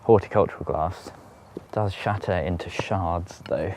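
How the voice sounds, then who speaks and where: A man's voice: low voice, fairly even intonation, measured pace, a little mellow, a little hiss or hum. A man walking round his allotment, talking casually to camera with wry, self-mocking humour. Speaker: allotment vlogger. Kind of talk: casual walk-and-talk. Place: outdoor allotment garden.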